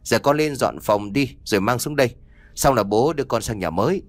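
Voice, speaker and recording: A man's voice: mid-range voice, lively intonation, a little fast, lightly acted. A cheerful middle-aged father who dotes on his son and chats easily, read by a male narrator. The voice moves freely up and down as he talks. It sits close in a dry room with no echo. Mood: chatty. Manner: warm, chatty, fatherly. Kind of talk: audiobook dialogue reading.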